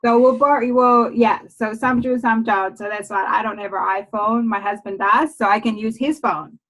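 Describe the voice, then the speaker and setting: A woman's voice: on the high side, steady tone, moderate pace, a bit bright, low-quality recording. A woman hosting an online training session on a video call, encouraging, with hesitant fillers. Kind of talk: casual online training talk.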